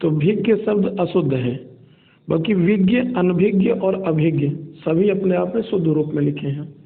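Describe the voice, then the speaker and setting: Man teaching exam spelling, high voice, thin phone-line audio. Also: a little slow, gravelly. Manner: steady, explains each answer option and repeats the correct form. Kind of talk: exam-prep spelling lesson.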